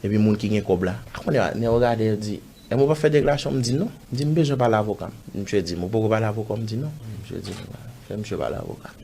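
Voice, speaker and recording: Haitian-accented male interviewee, low voice, loose rambling storyteller who acts out every exchange. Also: animated, fast, vocal fry, hardly any pauses, mellow, slight background noise. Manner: rambling, acts out dialogue, pepper of "bah" and "man". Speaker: interviewee telling a personal story. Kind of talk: casual spoken storytelling.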